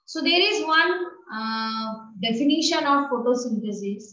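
A middle-aged woman with an Indian accent teaches in a high voice, mixing in Hindi as she questions her students. The sound is echoey and dull, like a video call in a bare room. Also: animated, measured pace, sharp tone, faint music behind. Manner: questioning, prompting, switches between English and Hindi. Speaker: biology teacher. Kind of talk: online class lesson with questions to students. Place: indoor room with bookshelves.

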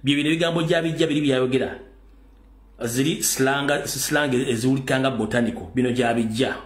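A man's voice: mid-range voice, fairly even intonation, fast, echoey room. A middle-aged Ugandan man hosting a casual live commentary on video clips, recorded on a phone in a small room. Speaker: host. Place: small plain room indoors.

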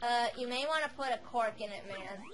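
A woman's voice: a little high, a little fast, a bit bright, natural voice, poor audio. A woman voicing a nervous, gossipy male turtle minion who speaks apologetically.

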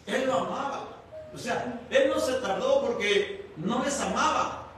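A man's voice: very high voice, unhurried, fairly bright tone, a little hiss or hum. A man preaching a sermon at a church service, telling the story with expression and asking the listeners questions. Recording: echoey church hall, mic at a distance.

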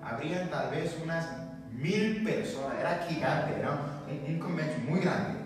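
A male pastor, preaching a sermon and telling stories in an animated way, mixing in English words. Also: on the high side, unhurried. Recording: echoey church hall, distant mic, music behind.

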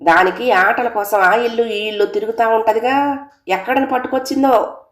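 ఒక మహిళ పలికించే నోటి దురుసు ముసలి బామ్మ, వెటకారంగా గద్దిస్తుంది. గదిలో ప్రతిధ్వని ఉంది. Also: female voice, fairly high pitch, fairly even intonation, moderate pace, pitched above the performer's own voice, lightly acted. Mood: teasing scold. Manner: scolding, teasing. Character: sharp-tongued old grandmother. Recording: roomy echo.

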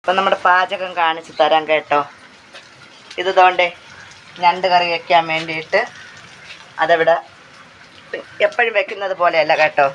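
Hoarse chatty woman in kitchen. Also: on the low side, fairly even intonation, moderate pace, long pauses, fairly bright tone, highs cut off, slight background noise. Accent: Kerala Malayalam. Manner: chatty, repeats phrases, tag questions. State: hoarse from talking. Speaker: cooking vlogger. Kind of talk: casual chat while cooking. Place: home kitchen. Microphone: handheld phone. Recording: faint frying sounds behind.

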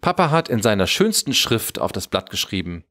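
A man narrating a German children's Christmas story in an expressive storybook manner. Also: lowish voice, a little fast.

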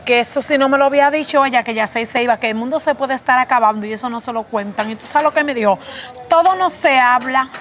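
A woman playing a gossipy, high-voiced neighbor. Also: fast, a bit bright, a little hiss or hum. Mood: offended. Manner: gossipy, offended. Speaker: comedy sketch actor. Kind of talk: comedic sketch dialogue.

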